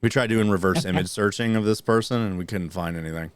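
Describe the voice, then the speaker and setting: A man's voice: lowish voice, quick pace, clear, resonant tone, no echo. Rambling, profane man on a podcast. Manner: rambling, profane, with many restarts and fillers. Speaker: podcast co-host. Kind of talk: casual storytelling chat, then reading news items.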